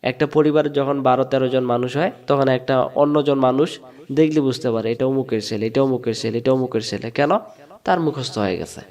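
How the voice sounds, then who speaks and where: Male online Quran teacher, Bangladeshi Bengali accent, mid-pitched and clear, patient, repetitive drilling. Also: steady tone, a little fast, darkish tone. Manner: patient, drills rules by repeating them, asks and answers own questions. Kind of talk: step-by-step online lesson.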